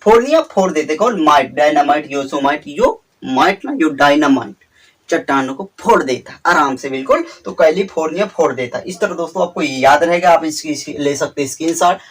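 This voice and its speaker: Male teacher, slightly high, repetitive drilling delivery, a bit off-mic. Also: distant mic. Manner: repetitive, drawn-out emphasis, frequent "theek hai". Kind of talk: exam memory-trick lesson.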